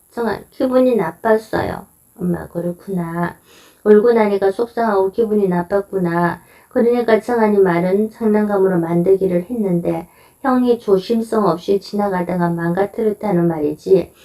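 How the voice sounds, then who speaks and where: A woman's voice: medium pitch, moderate pace, dark tone, far from the mic, lightly acted. A woman reading the part of a patient mother, asking her son soothing questions. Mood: gentle.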